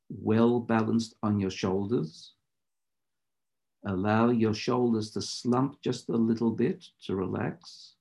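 A man teaching meditation in deliberate, measured phrases, in the instructive style of a spiritual lecture and guided practice. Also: lowish voice, creaky, warm tone.

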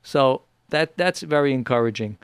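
Smooth, dry-voiced male interviewer. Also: mid-range voice, animated, moderate pace, no echo. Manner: summarizing and prompting questions. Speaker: interviewer, show host. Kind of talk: radio-style interview.

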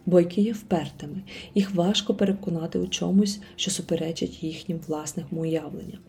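A woman host reading a scripted podcast narration in a calm, measured way. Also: on the low side.

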